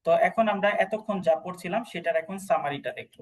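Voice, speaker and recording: A male tutor teaches an online class over a video call. His voice sits a little high, and he walks students through each point, often asking if they follow. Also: fast, a little mellow, poor audio. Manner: explains step by step, checks understanding often. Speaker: PTE exam instructor.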